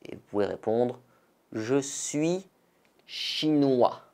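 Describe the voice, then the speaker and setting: A man from France teaching a beginner French lesson, slowly and carefully repeating model phrases for learners. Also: medium pitch, animated, a little mellow.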